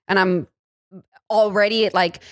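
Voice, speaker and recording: A woman's voice: medium pitch, fairly even intonation, unhurried, smooth, dry recording. Woman co-host, dry close sound. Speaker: podcast co-host. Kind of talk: casual podcast chat.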